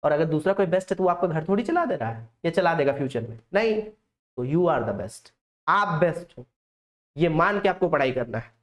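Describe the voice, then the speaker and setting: A man's voice: on the high side, animated, brisk, fairly bright tone. A young man teaching a classroom accounts lecture in Hindi, asking the students questions aloud and answering them himself. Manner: coaxing, talks straight to the students.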